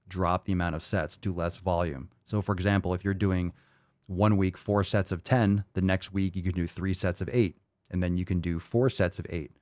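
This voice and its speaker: A man in his late thirties with a very low voice hosts a live fitness Q&A. He answers viewers in a loose, thinking-aloud way, full of fillers and restarts. The sound is dry and close, with no room echo. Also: darkish tone. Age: 30s. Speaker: fitness podcast host answering questions. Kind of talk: livestream Q&A.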